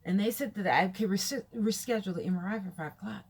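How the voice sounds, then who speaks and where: A woman's voice: medium pitch, fast, breathy edge. A tired woman vlogger chatting casually and candidly about her day, telling stories in a rambling way and repeating herself for emphasis. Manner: conversational, candid storytelling with emphatic repetition.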